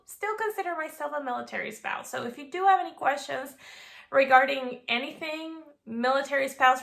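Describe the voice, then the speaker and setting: A woman's voice: on the high side, creaky, sharp tone. A woman in her twenties from Venezuela, chatting casually to camera as a vlogger, bubbly with playful asides. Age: 20s.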